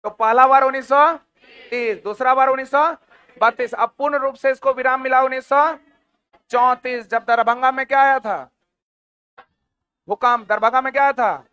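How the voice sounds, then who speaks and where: A man with a very high, bright voice runs an exam-prep history lesson. He drills his students with quick questions and repeats each answer several times. The sound is dry and close. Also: clean tone, dry recording, muffled recording. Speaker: teacher.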